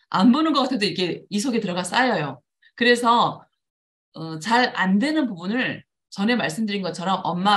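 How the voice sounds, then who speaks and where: A woman in her forties giving a live parenting lecture, explaining steps and acting out what a parent says to a child. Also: medium pitch. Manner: warm explanatory tone, acts out parent-child dialogue.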